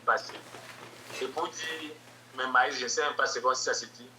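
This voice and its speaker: A man's voice: medium pitch, fairly even intonation, normal speed, pushed and bright, poor audio. A male student in an online class, thinking aloud and hesitating. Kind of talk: class participation.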